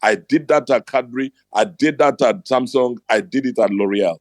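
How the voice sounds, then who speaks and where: Man, Nigerian accent, middle-aged, motivational host, blunt, emphatic, average pitch. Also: normal speed, dry recording. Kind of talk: motivational talk.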